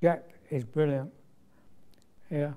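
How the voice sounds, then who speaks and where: Man, mellow and mid-range, casual recollection in an interview. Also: on the high side, steady tone, takes it slowly, clean tone. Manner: conversational, with small restarts. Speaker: film crew member recalling a shoot.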